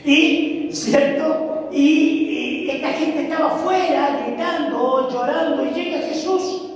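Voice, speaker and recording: A man preaching a sermon with dramatic emphasis, asking his congregation rhetorical questions. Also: fairly even intonation. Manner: dramatic, emphatic delivery with pauses. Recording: booming echo of a large hall.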